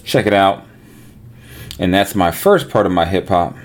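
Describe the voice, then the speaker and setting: A man's voice: low-pitched, expressive, unhurried. A man hosting a podcast, talking casually or reading a sponsor spot in his own voice. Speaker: podcast host. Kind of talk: casual sports and hip hop talk, with read-out sponsor spots.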